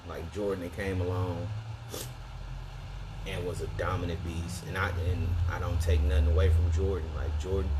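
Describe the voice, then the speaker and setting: An American man with a low-pitched voice gives a casual, opinionated rant. His talk is slangy and conversational, with emphatic points. Noticeable steady noise sits behind him.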